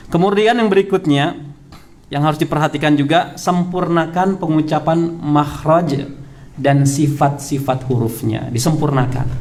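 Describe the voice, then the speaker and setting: An Indonesian man giving a study lecture to a congregation in a prayer hall, repeating key points and drawing out terms slowly. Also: a little high, darkish tone. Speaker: religious teacher.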